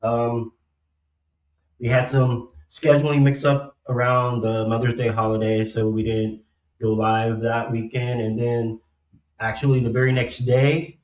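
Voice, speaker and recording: A man co-hosting a casual livestream with muffled, slightly slurred speech as if he had cotton in his mouth, talking in a halting way with repeated words. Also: medium pitch, flat delivery, darkish tone. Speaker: show co-host. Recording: roomy echo, distant from the mic.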